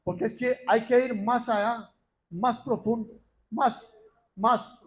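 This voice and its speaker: A man preaching in church with a strikingly high voice. He hammers key words again and again with fervent repetition and slows right down when he reads scripture aloud. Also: fairly even intonation. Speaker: lay preacher. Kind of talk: sermon.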